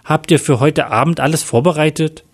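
A man's voice: fairly high pitch, a little fast, husky, pitched above the performer's own voice. A man voicing a female police chief who brushes off concern and gives orders. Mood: brusque. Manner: brusque, dismissive. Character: tough female police chief hiding her illness.

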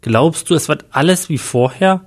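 A man's voice: a little high, expressive, normal speed, husky, pitched above the performer's own voice. A man voicing a guilty, defensive father in a read-aloud story. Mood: tense. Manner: defensive, pleading.

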